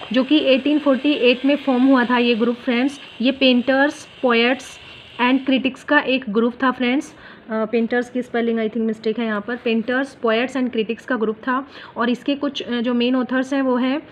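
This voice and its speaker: A woman's voice: fairly high pitch, muffled recording, slight background noise. A woman, teaching literary terms from her exam notes, term by term, and calling her viewers friends. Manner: explains term by term, repeats the key points, calls viewers friends. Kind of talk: exam-prep notes lesson.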